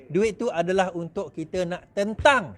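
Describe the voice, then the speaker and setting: A middle-aged man with a Malaysian accent, giving an animated speech to supporters, mimicking others in quick asides and laughing often. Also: sits high. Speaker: politician speaking to supporters.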